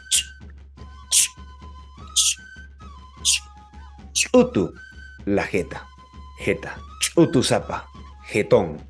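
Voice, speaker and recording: A man's voice: medium pitch, a little mellow. A man teaching Quechua pronunciation, repeating each word several times. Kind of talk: pronunciation lesson.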